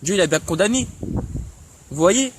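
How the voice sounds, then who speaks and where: High-voiced man stammering through a scolding rebuttal. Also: animated, moderate pace, a little hiss or hum. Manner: stammering, repeats words and restarts often; reproachful, addresses a rival directly with questions. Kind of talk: impassioned online rebuttal.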